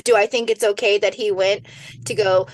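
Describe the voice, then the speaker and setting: A woman co-hosting a casual podcast, gossiping and retelling reality-show moments in an animated way. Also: medium pitch, normal speed, dry recording. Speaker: podcast co-host. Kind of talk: casual chat.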